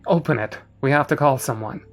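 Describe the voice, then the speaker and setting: A man's voice: mid-range voice, fairly quick, vocal fry, faint music behind, lightly acted. A man voicing a desperate, pleading teenage sister in a horror story. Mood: frantic. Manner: urgent, pleading.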